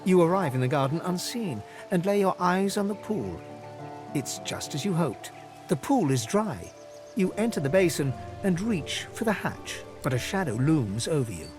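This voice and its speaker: A man narrating a fantasy video game in the second person, with measured, dramatic storytelling. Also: a little high, sing-song, music in the background.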